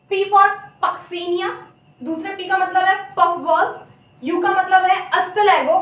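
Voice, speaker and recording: A young woman teaching biology in a chatty lecture, repeating terms slowly and apologizing often. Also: extremely high pitch, a bit bright, recorded from a distance. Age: young adult. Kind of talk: casual Hindi lecture with mnemonics. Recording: echoey room, voice off-mic.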